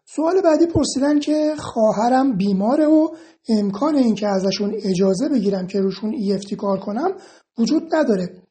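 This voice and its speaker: A woman with a somewhat high, soft and mellow voice works through listener questions one by one. She reads each question aloud, then explains her answer in a calm, reassuring tone. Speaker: EFT instructor answering viewer questions. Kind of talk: informal explanatory Q&A monologue.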